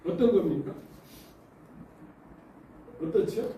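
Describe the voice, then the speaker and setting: A man preaches in a very dark, mellow voice, pitched a little high for a man. He keeps the congregation involved with stories and rhetorical questions. The sound is a very echoey church hall, with his voice picked up from some distance away from the mic. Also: expressive, slow pace, a little hiss or hum. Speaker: pastor. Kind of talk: sermon. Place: church sanctuary.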